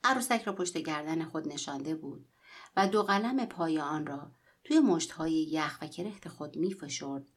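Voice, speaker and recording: A woman reading a literary story aloud in a hushed, whispery narrating voice. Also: deep voice. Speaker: story reader.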